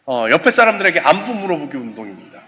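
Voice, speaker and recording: A man gives a seminar talk from a church, his somewhat high voice swinging widely as he acts out short exchanges with his listeners. The sound rings with long hall reverb and comes through a dull, muffled recording. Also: fast. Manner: animated, acts out short dialogues with the audience. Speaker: professor lecturing on suicide prevention. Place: church sanctuary.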